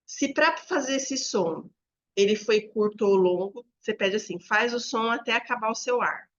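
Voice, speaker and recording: Woman educator, higher voice. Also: moderate pace, lo-fi sound. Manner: explanatory, demonstrates examples aloud. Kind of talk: teaching talk to teachers.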